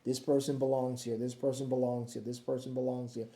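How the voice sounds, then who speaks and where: A man's voice: medium pitch, flat delivery, brisk, mellow. A man, a pastor, giving a daily devotional Bible talk to the camera, chatty and often checking in with his listeners. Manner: conversational, keeps checking in with "okay?" and "right?". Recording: echoey room.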